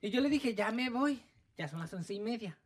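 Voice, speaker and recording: Animated woman telling a story. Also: a little high, moderate pace, breathy edge. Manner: animated, theatrical storytelling with sing-song sound effects. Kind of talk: casual chat.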